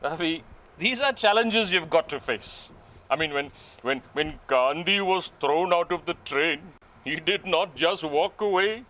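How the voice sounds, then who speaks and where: Jovial man, high voice, bright tone, teasing. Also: animated, measured pace. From South Africa. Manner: joking, teasing, laughs often. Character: jovial South African Indian man, joking fixer.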